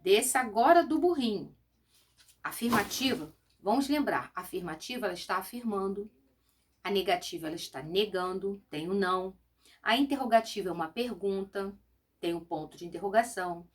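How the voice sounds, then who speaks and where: Patient woman teaching a Portuguese lesson. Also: medium pitch. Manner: patient, explains step by step with many "né?" and "lembra?". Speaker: schoolteacher. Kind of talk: recorded remote Portuguese lesson.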